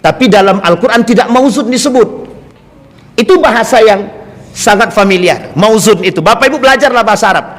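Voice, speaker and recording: A man's voice: sits high, animated, fairly quick, a bit bright. A male Islamic preacher giving a sermon, speaking directly to the congregation and telling stories through questions. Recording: long hall reverb.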